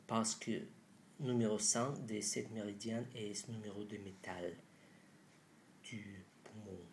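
Very slow, halting man with foreign-accented French. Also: fairly low pitch, a little mellow, slight background noise. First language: not French. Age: 30s. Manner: halting, searching for words. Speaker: doctor presenting an acupuncture method. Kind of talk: instructional presentation. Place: small room indoors.

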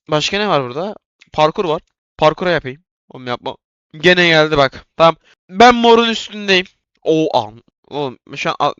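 A young man runs loud, excitable gameplay commentary, yelling at rivals one moment and mumbling to himself the next. His voice sits a little high and smooth. The sound is dry and close, with a slightly dull, lo-fi tone. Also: dry recording. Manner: excitable, yelling and trash-talking, quick swings from loud to mumbling. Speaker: gaming YouTuber.

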